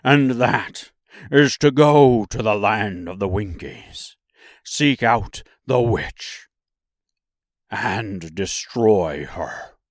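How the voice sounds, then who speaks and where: A man voicing an earnest, pleading cowardly lion with loud, emphatic delivery in a storybook reading. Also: on the low side, lively intonation, no echo, clean studio sound. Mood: mournful resolve. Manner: loud, emphatic, slow declarations.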